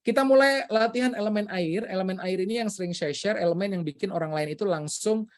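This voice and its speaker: An energetic man from Indonesia leads an online public speaking workshop over a video call. His voice sits a little high, and he swings his pitch up and down for emphasis. He mixes English phrases into his teaching. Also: fast talker.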